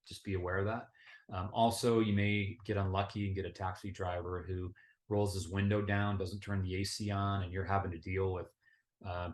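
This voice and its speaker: A middle-aged man with a relaxed, conversational manner, giving casual travel advice full of fillers and restarts. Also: low-pitched. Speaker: travel vlogger.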